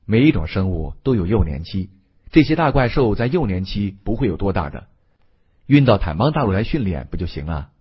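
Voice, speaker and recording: A confident young male leader with a husky, lowered voice, as an audiobook narrator puts him on. He talks things through calmly and shrewdly. The recording sounds dull and lo-fi. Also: fairly quick, full character voice. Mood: musing.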